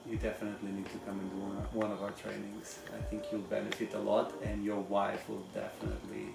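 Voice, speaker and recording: A man's voice: lowish voice, quick pace, gravelly. A man hosting as a teacher, chatting casually and reading comments aloud in an earnest, emphatic manner with rhetorical questions. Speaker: massage teacher and channel host. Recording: echoey room with background music.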